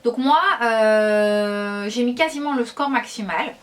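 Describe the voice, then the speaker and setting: A woman's voice: a little high, slow. A woman vlogger talking casually to her viewers, chatty and hesitant, with many fillers. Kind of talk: casual talk to camera.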